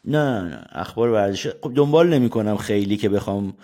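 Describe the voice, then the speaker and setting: A man's voice: fairly low pitch, lively intonation, warm tone. A man from Iran, a sports journalist guest, chatting casually on a podcast and often laughing as he tells stories.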